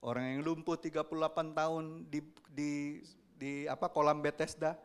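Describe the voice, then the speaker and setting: A man preaching a sermon as pastor, lively and often asking the congregation questions. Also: on the high side, moderate pace, clean tone. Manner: animated, asks the congregation questions, acts out quoted voices.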